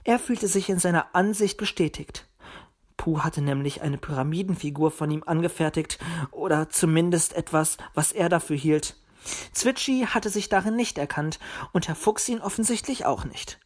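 A woman narrating a storybook with a lively, expressive reading style. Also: on the low side, moderate pace.

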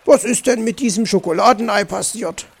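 A man's voice: sits high, slow, gravelly, breathy edge, full character voice. A man voicing a grumbling stingy fox uncle. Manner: grumbling, indignant. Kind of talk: children's audiobook.

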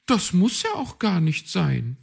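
A man performs an exaggerated, gravelly voice with a breathy edge and huge pitch swings, speaking a little slowly, as a haughty female magpie detective in a storybook read-aloud. She is proud, bossy, and shrill, dismissing objections like a know-it-all.

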